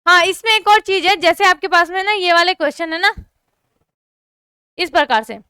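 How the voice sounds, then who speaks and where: A young woman teaches a chemistry lesson online in a very high, bright voice. She keeps checking that her students are following along and asks them to comment. The sound is close and dry. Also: moderate pace, dry recording.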